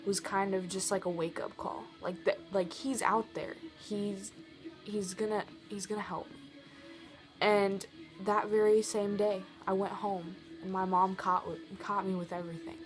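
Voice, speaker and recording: A teenage girl telling a personal story in a confessional vlog, earnest and halting, with many restarts. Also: medium pitch, little pitch movement, faint music behind. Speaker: vlogger.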